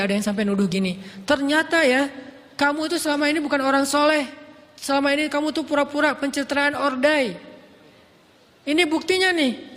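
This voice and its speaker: A man in his thirties preaching a storytelling sermon, acting out the quoted dialogue in a raised, lively voice. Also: high-pitched. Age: 30s. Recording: long hall reverb.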